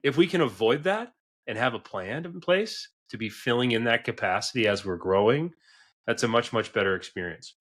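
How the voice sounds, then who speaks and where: This forty-year-old man hosts a business advice podcast, and as an advisor he talks conversationally, earnestly and emphatically, often checking in with "right?". His mid-range voice is animated and fairly bright, at a normal speed.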